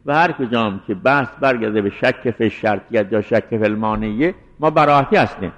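A man giving a deliberate scholarly lecture as a seminary teacher, explaining and restating his points. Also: fairly low pitch, a bit bright. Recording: dull lo-fi recording in a reverberant hall.

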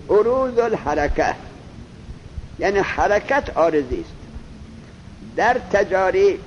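A man teaching a classroom lesson, explaining step by step, asking questions and answering them himself, and reading passages slowly. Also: a little high, darkish tone, muffled recording, a little hiss or hum. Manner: reads Arabic passages slowly and deliberately. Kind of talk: classroom lesson on Arabic grammar.

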